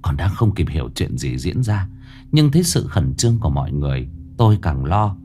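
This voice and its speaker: A man narrating a ghost story in a tense, expressive storytelling manner. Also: sits low, brisk, soft background music.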